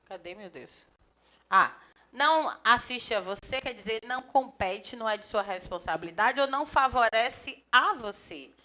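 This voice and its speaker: A grammar teacher, giving a lively classroom lecture. She chats with students and acts out little dialogues. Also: a little high, normal speed. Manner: lively, chatty, acts out little dialogues, often points things out with "ó". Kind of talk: live classroom lecture for a civil service exam course.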